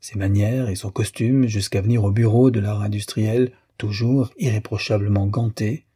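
A man reading a classic novel aloud in a measured, even storytelling manner. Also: fairly low pitch, husky, dry recording, clean studio sound. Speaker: audiobook narrator. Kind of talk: scripted literary narration.

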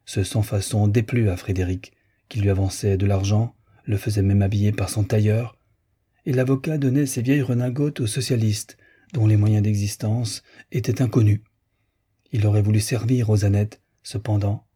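A man reads a literary audiobook in a measured, even way. His voice is low, very dark and mellow, with a husky edge. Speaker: audiobook reader.

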